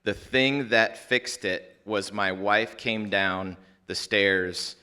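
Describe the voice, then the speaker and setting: Deep bright-toned man telling his story. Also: slow, clear, resonant tone. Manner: earnest storytelling, uneven pace. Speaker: panelist at a marriage conference. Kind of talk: personal testimony on a panel. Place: church conference stage.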